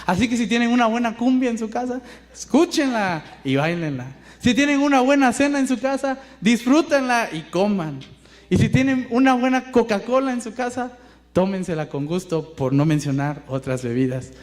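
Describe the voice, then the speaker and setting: Pastor mexicano de voz aguda. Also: male voice, extremely high pitch, lively intonation, moderate pace. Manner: conversational, acts out quoted voices, asks rhetorical questions. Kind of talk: sermon.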